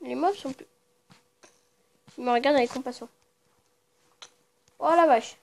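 A woman's voice: high voice, unhurried, gravelly. A woman giving casual commentary on her game, muttering to herself and the creatures, then breaking into startled yelps and swearing. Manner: chatty with viewers, talks to the game creatures. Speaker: let's play gamer.

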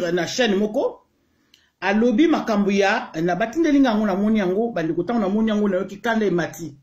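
This casual livestream features a Congolese man heatedly and repetitively calling out viewers one by one in a mix of French and Lingala. His voice is high with a darkish tone.

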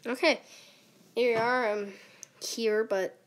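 A woman giving rambling, goofy commentary while playing a video game, with sudden squeaky outbursts. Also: fairly even intonation, slow. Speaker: gamer. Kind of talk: casual gameplay commentary.

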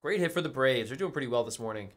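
Talking very fast in a mid-range voice, a young man calls out cards during a live studio break. His tone is easygoing and conversational, turning excited whenever he lands a big hit.

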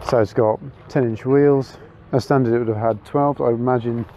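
A man's voice: medium pitch, steady tone, normal speed, mellow, muffled recording, a little hiss or hum. A man giving casual, enthusiastic walkaround commentary at an outdoor car meet, thinking aloud with small fillers as he goes. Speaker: car vlogger.

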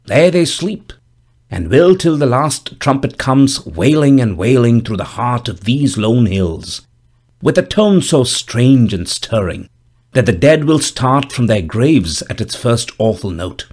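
A man voicing a stern, dry-humored gravedigger of about fifty, speaking in a grave, measured, solemn way in an audiobook. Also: medium pitch, big pitch swings, a little mellow, husky, exaggerated voice. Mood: ominous. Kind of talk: audiobook character voice.

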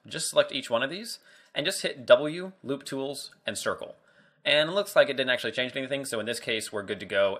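A man's voice: mid-range voice, a bit bright. A man walking through a 3D modeling screencast tutorial in a casual way, thinking aloud as he works. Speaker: 3D modeling instructor.

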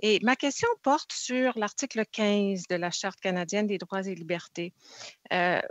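A woman senator posing long, deliberate questions at a formal hearing over a video call. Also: medium pitch, dry recording. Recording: dull lo-fi video call audio.

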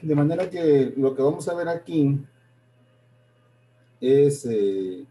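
A man lecturing on history over a live stream, his voice a little high for a man yet dark and mellow in tone. He talks in halting stretches, doubles back on words and corrects himself mid-sentence. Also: lively intonation. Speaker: history presenter.

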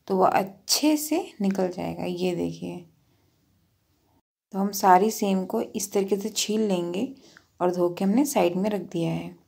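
A woman's voice: mid-range voice, creaky, dark tone, breathy edge. A woman hosting a cooking channel, patiently talking through each step of a recipe in a voice-over with practical tips.

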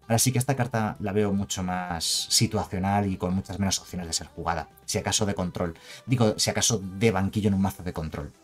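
A man's voice: sits low, a little fast, soft background music. A man with a Spain Spanish accent giving a chatty, emphatic card game review, with jokes and asides. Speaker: card game video creator. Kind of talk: casual card review commentary.

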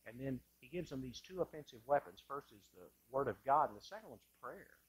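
A male pastor delivering an impassioned sermon in a church sanctuary, moving between loud bursts and hushed lines. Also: mid-range voice, lively intonation, a little fast, slightly rough.

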